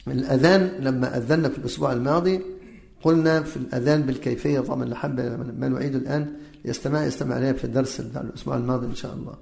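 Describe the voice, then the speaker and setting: A man's voice: medium pitch, steady tone, very fast, gravelly, a little mellow, reverberant. A man giving a religious lesson, drilling listeners with repeated questions and chanting the examples himself. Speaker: religious teacher. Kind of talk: religious lesson on the call to prayer.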